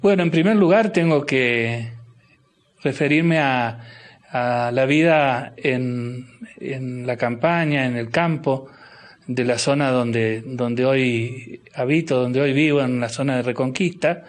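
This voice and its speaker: A middle-aged man with an Argentine accent, a bishop answering interview questions slowly and thoughtfully, with many restarts and fillers. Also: medium pitch. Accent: Argentine Spanish. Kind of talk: interview guest.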